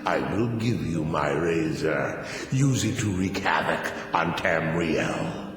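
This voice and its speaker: An actor voicing an imperious, menacing demon god of destruction in a video game, speaking in commanding, godlike pronouncements. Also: male voice, very deep voice, expressive, slow, exaggerated voice. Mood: grandly pleased. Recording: cavernous echo and long reverb, music behind.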